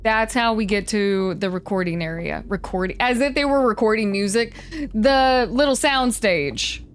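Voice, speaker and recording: A woman's voice: medium pitch, moderate pace. Curious woman narrating her gameplay. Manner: curious, thinking aloud, sometimes hushed. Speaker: let's-play host. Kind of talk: casual gameplay commentary. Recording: faint game music behind.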